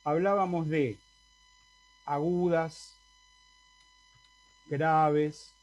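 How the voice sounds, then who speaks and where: A male university Latin teacher with an Argentine Spanish accent explains material in an online video-call lecture, often checking with the class for confirmation. His slightly high, darkish voice is very slow with fairly even intonation.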